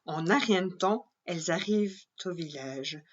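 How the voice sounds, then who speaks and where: A woman reading a children's story aloud in a gentle, expressive way. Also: lowish voice, normal speed, muffled recording.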